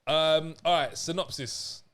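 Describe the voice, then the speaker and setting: A man co-hosting a casual movie review chat, animated and laughing, often restarting his sentences. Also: a little high, a little slow, smooth. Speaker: podcast co-host.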